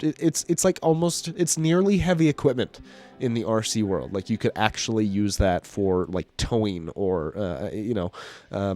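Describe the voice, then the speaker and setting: A man's voice: mid-range voice, mellow. A man hosting his own video, narrating a hobby car show in a casual, rambling voice-over while losing his voice. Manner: casual, rambling, many fillers and restarts. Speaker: host.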